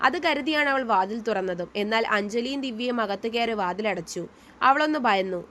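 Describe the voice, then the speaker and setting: Female story narrator, emotive serialized reading, slightly high voice. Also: expressive, fairly quick, fairly bright tone, a little hiss or hum.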